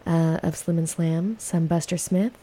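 A woman's voice: fairly low pitch, fairly even intonation, unhurried, warm tone, breathy edge. A woman hosting a jazz radio show, chatting casually and playfully with her guest at a studio microphone. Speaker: radio host.

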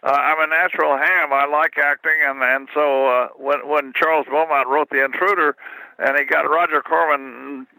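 A man's voice: a little high, fairly even intonation, normal speed, creaky, pushed and bright, dry recording, poor audio. An older man from Missouri, a writer being interviewed, telling rambling stories and repeating words as he goes. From Missouri, USA. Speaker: guest writer. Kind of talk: anecdotal interview storytelling.

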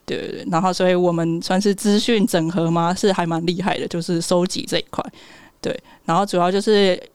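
A young man with a Taiwanese Mandarin accent and a soft, cutesy lilt, talking casually as an interview guest. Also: high-pitched, level tone, brisk, smooth, no room sound. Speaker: guest, app startup founder.

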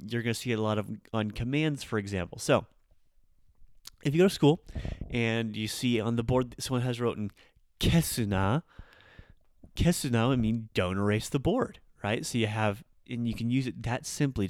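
A man with a medium-pitched, lively voice hosts a chatty podcast grammar lesson at normal speed, acting out examples as he explains. He rolls his R's when speaking Japanese. The sound is clean studio quality with no room sound.

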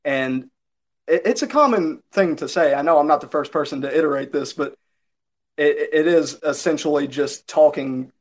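A man with a Southern American accent and a fairly high-pitched voice appears as a guest on a casual conversational podcast interview. He speaks thoughtfully and articulately, though with some halting restarts.

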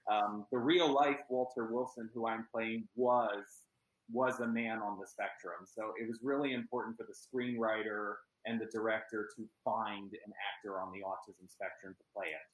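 Speaking in a steady tone that sits on the low side, this Pennsylvania actor talks at a moderate pace as an interview guest. The casual chat is earnest and full of ums, recorded roughly in an echoey room.

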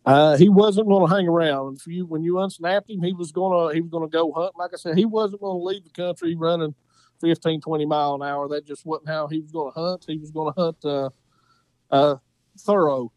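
Appalachian guy chatting on a podcast, kinda higher pitched, folksy, repeats himself for emphasis, really dry sound. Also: steady tone, fairly quick, a little mellow, no echo, low-quality recording. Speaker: podcast guest, coon hunter. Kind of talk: casual interview storytelling.

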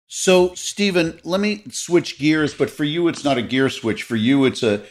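A man's voice: fairly high pitch, a little slow. A middle-aged man interviewing a guest, asking long expansive questions with emphatic, repeated phrases. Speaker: interviewer host.

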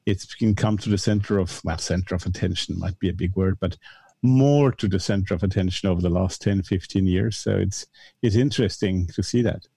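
A mature man answering interview questions in a measured, carefully qualified, conversational way. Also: low-pitched, vocal fry, dark tone, breathy edge, no echo. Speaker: podcast guest, esotericism podcaster.

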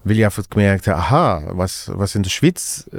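Rambling Swiss man, low voice. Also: expressive, normal speed, dry recording, clean studio sound. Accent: Swiss German. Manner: rambling, thinking aloud with restarts. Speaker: guest, stand-up comedian. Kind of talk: casual podcast chat.

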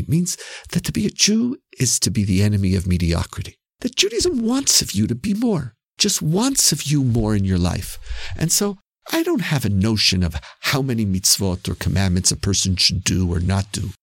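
In a conversation about religion, this man speaks as an interview guest in a fairly low voice with a Canadian accent. He reflects and explains emphatically, repeating phrases for effect, and there's no echo.

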